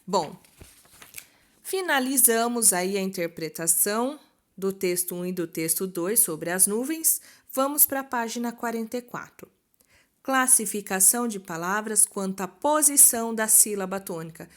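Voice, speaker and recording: A Brazilian woman teaching a recorded school lesson, slowly drawing out words to show their stressed syllable and playing her pupils' questions herself. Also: mid-range voice, expressive. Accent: Brazilian Portuguese. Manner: voices imagined pupils' questions.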